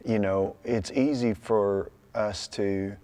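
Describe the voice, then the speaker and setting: A man's voice: on the low side, steady tone, takes it slowly, dark tone. A man co-leading a conversational sermon who mostly backs his partner up with short affirmations. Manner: supportive, chiming in with short affirmations. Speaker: pastor.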